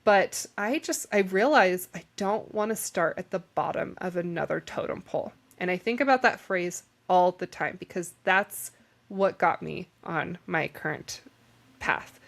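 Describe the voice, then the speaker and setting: A woman's voice: lowish voice, lively intonation, measured pace, gravelly. A young woman tells her own story on a podcast. She speaks candidly and loosely, with frequent restarts, and gets emotional when she reflects on what happened. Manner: candid, rambling, emotional at times. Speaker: podcast host. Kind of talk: personal storytelling.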